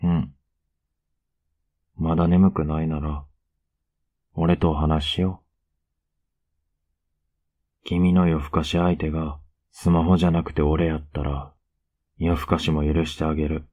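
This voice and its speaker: A man playing a tender, teasing, clingy younger boyfriend in an ASMR role-play, murmuring softly and intimately. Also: rumbling low, flat delivery, a little slow, pauses often. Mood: pouty, affectionate. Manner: soft, intimate, coaxing murmur.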